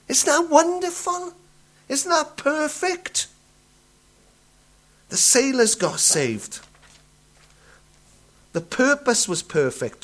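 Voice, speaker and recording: Slow-paced male preacher, repeats himself, leans on rhetorical questions. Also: sits high. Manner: restarts and stumbles over words. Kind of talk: sermon.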